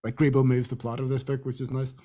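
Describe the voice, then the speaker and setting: Young british guy, podcast co-host, rambly chatty talk, mid pitch. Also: monotone, fast, dark tone. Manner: chatty, rambling, many fillers. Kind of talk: casual chat.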